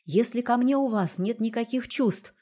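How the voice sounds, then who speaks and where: A woman's voice: a little high, normal speed, warm tone, voice pushed up, natural voice. A woman voicing an emotional young noblewoman who stays dignified through tears. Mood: tearful firm. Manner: tearful yet dignified.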